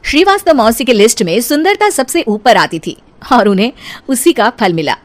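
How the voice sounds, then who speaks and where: Woman storyteller, slightly high voice, scripted comic cartoon narration. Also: big pitch swings, normal speed.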